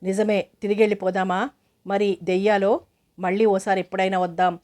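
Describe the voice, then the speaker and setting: A woman voicing a bold, quick-thinking young village boy in a hushed, urgent way. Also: mid-range voice, flat delivery, close to an everyday voice.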